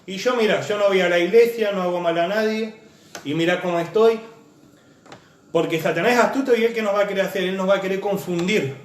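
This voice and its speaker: In a church room full of reverb, a man preaches fairly quickly in a voice that's high for a man. His earnest delivery piles up repeated phrases and lists, folding personal testimony into the sermon.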